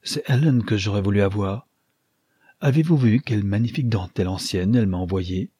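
A man's voice: on the low side, a little fast, husky, no echo. A man voicing a bubbly young bride. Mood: cheerful. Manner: bright chattering delight. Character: cheerful young newlywed woman, lively and naive.

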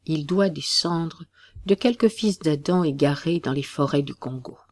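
A storyteller voicing a smooth-talking male circus troupe director who delivers a brazen showman's announcement in a storybook reading. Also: mid-range voice, measured pace, natural voice.

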